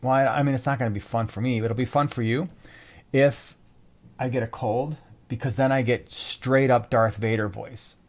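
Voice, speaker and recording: A man's voice: medium pitch, steady tone, normal speed. A man co-hosting a casual live stream, chatty and joking while he answers viewer questions.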